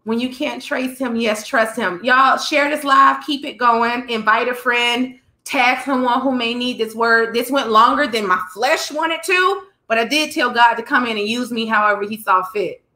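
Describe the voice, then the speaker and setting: Woman preaching on a livestream, bright and kinda high, lots of repeating, echoey room. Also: normal speed, few pauses. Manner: fervent, repetitive exhortation; casual colloquial speech. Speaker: host of a faith livestream. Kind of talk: live devotional preaching. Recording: roomy echo.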